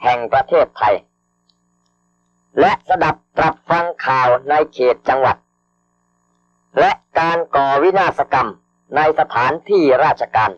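A man slowly dictating official government orders over radio, formal and measured, repeating each phrase and reading out the punctuation. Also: on the high side. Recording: dull lo-fi archival radio broadcast.

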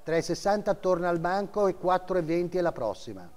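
A man's voice: high-pitched, expressive, fairly quick, a little mellow, big-room sound. A middle-aged man working as an auctioneer, calling bids and lot numbers live in short clipped phrases, often repeating the figures. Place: auction house room, seated behind a desk, indoors.

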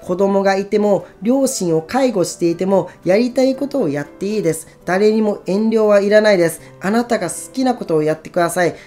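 Woman, scripted narration, calm instructive tone, mid pitch, faint background music. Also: brisk, few pauses. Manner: calm, instructive, even reading. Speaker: book summary narrator.

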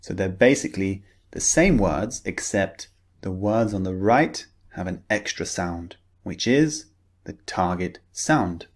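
A man's voice: low voice, animated. A man with a British English accent teaching pronunciation, speaking carefully and encouraging the listener to repeat words after him. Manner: slow, careful, encouraging delivery with drilled example words. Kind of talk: pronunciation lesson.

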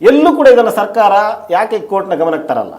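A man's voice: high voice, wildly swooping pitch, brisk, darkish tone. A man, a journalist and writer, answering interview questions in detail, emphatic and full of rhetorical questions. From India.

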